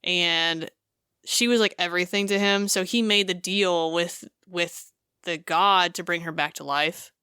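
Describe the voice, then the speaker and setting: A woman co-hosting a podcast, recounting a game scene in casual chat, animated and full of fillers. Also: fairly low pitch, a little slow, clear, resonant tone, dry recording, studio quality. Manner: animated storytelling with many fillers. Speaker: podcast co-host.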